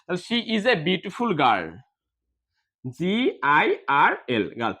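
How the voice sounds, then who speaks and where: High-voiced male teacher spelling words aloud. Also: wildly swooping pitch, slow pace, pushed and bright. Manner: spells words letter by letter, asks and answers own questions. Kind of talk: classroom grammar lesson.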